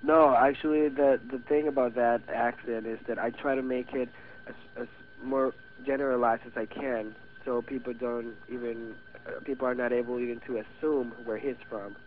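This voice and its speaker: A man's voice: medium pitch, fairly even intonation, normal speed. An eighteen-year-old man with a Venezuelan Spanish accent, a native Spanish speaker, talking casually and hesitantly in an interview, with many restarts. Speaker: guest actor. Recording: tinny phone-like radio audio with faint hiss.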